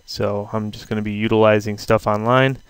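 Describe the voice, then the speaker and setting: A man teaching a software tutorial over a screen recording, talking casually and thinking aloud with fillers. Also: lowish voice, flat delivery, a little fast, clean tone, no echo. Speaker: instructor.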